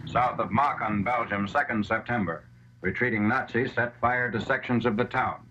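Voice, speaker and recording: A man narrating an old wartime newsreel in crisp, clipped announcing phrases. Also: mid-range voice, normal speed, bright, forceful tone. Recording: dull lo-fi 1940s newsreel soundtrack with faint hiss.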